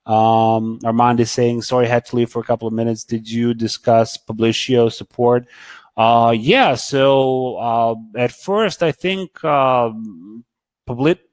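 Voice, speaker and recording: A man hosting a casual live webinar Q&A, reading out viewers' questions and demoing software, talking haltingly with many fillers and repeated words. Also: mid-range voice, fairly even intonation, dry recording. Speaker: webinar host answering product questions.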